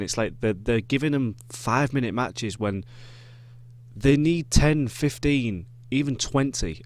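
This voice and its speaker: A man with a Yorkshire accent giving casual wrestling predictions, rambling with lots of ums and self-corrections. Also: mid-range voice. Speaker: wrestling reviewer.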